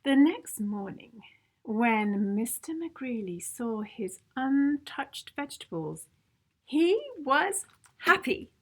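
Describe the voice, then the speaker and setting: A woman with a fairly high voice reads a children's storybook aloud. She takes her time, pacing it very slowly. Her delivery is theatrical and playful, with repeated sound words and key adjectives stressed for young listeners. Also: very animated, a bit bright. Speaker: children's book reader.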